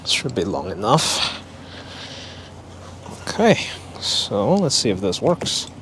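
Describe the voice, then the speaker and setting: A man's voice: fairly low pitch, big pitch swings, slow. A man casually narrating an electric car road trip vlog, explaining things with frequent ums and uhs, recorded in a car and outdoors in a parking lot. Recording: noisy outdoor vehicle ambience.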